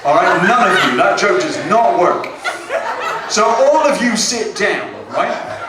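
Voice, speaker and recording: A man's voice: high-pitched, sing-song, a little slow, heavy background noise. British guy doing stand-up, chatty, keeps going "right?", sounds far off in a super echoey room. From Britain. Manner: chatty, self-deprecating, keeps asking "right?". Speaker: stand-up comedian. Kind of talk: stand-up comedy set. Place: comedy club stage. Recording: echoey club, mic heard from afar.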